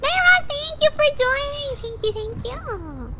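A woman's voice: very high voice, sing-song, measured pace, heavy background noise. A young woman streaming a game with a stuffy nose, bubbly and thanking viewers over and over with bits of Japanese. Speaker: livestreamer. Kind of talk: casual gaming livestream.

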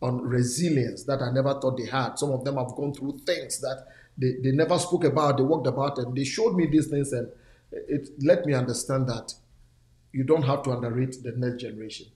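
Speaking in a mid-range, darkish tone, a man in his sixties mentors his audience conversationally as the pastor-host of a talk show. He goes a little quickly, doubles up words to stress them, and spurs listeners on, all in a roomy indoor studio.

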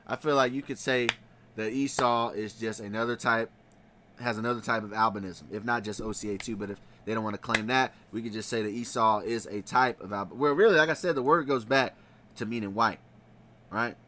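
In a casual screen-share, a man reads web search results aloud and then comments on them, frequently tacking "right?" onto his points. His voice is fairly low and sharp-toned, his pace fairly quick, with slight background noise.

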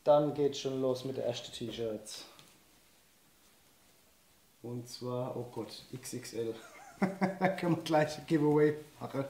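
A man hosting a casual unboxing vlog about outdoor and shooting sports talks enthusiastically and laughs often, his voice slightly hoarse from a cold. His pitch is medium and mellow, his pace slow with long pauses. He sits at a wooden table facing the camera, in an echoey indoor room with faint noise.

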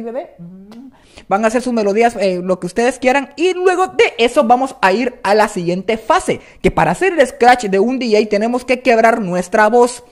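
A woman teaching beatbox in a casual, playful spoken tutorial, joking and demonstrating vocal sounds. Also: on the high side.

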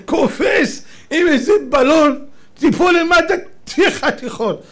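A rabbi putting on an exasperated shouting father. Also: extremely high pitch, pitched above the performer's own voice. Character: scolding worried father of a paratrooper.

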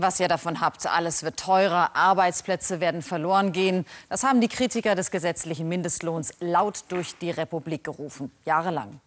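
A middle-aged woman presenting the news from a TV studio, crisp and emphatic. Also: fairly low pitch. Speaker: news anchor.

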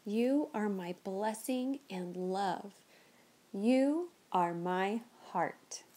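Speaking extremely slowly at a medium pitch, a woman in her thirties reads picture books to small children. She's expressive and theatrical, exaggerating her delivery for the kids as she presents each story.

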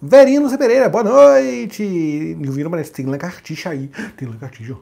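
Gravelly man reading chat. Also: high voice, normal speed, mellow. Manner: reads viewer comments aloud and greets them by name. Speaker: livestream co-host reading chat. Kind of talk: casual livestream chat.

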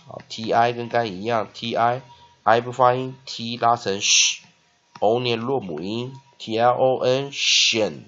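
A man gives a phonics and spelling lesson, breaking words into letters and syllables with many short fillers. He talks slowly in a lowish voice. The recording sounds dull and lo-fi. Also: fairly bright tone. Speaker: English vocabulary teacher.

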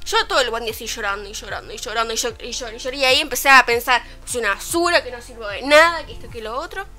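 Young rioplatense girl vlogging from her room, high bright voice, swears a lot and acts out what people said. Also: quick pace, faint music behind. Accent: Rioplatense Spanish. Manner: animated, swearing, quoting people in their voices. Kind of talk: casual storytelling vlog. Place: at home, her bedroom.

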